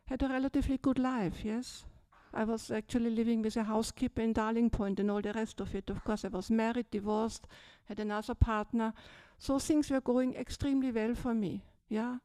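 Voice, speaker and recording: A woman's voice: on the high side, fairly even intonation, normal speed, mellow, no echo. An older woman from Austria with an Austrian German accent, a Buddhist nun telling her story in a chatty way at a retreat, often checking in with "yes?" and "yeah?". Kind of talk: retreat talk, personal story. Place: large dim hall, seated on a low stage. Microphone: handheld microphone.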